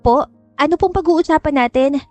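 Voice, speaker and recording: A woman's voice: high-pitched, normal speed, no room sound, faint music behind, voice pushed up, close to an everyday voice. A woman voicing a shy, obedient twenty-year-old village girl who speaks politely and hesitantly. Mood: timid. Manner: polite, hesitant, soft-spoken.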